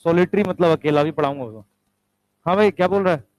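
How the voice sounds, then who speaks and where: High-voiced man teaching a class. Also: quick pace, darkish tone, dry recording, rough recording. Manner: explains step by step, asks the class questions; addresses students as beta and bhai. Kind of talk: classroom lecture.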